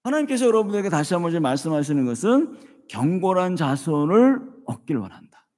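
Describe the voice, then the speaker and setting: A man in his fifties preaching a sermon, telling a family story in a lively way and acting out the voices in it. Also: sits high, fast talker. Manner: storytelling, animated, acts out dialogue. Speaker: pastor. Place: church sanctuary. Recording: reverberant church hall.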